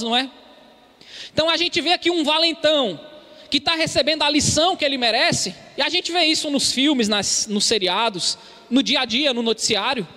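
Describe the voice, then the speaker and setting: A man's voice: extremely high pitch, sharp tone. A man with a Brazilian Portuguese accent preaching an earnest expository sermon in a church hall, calling his listeners brothers. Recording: long hall reverb.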